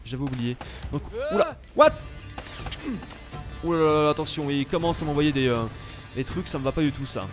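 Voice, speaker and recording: A young French man giving casual, animated commentary while playing a video game, exclaiming at the action. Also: on the high side, fast talker, soft background music. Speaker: let's play host.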